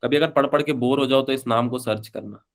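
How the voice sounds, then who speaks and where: A man's voice: mid-range voice, brisk. A man teaching a live online physics class, chatty, calling students beta and switching between Hindi and English.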